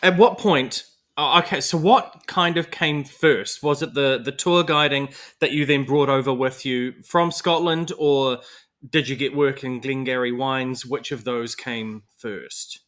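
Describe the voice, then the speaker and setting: Male podcast co-host, bright mid voice, measured delivery. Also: medium pitch, fairly even intonation. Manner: measured, careful framing of questions. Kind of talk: casual podcast chat.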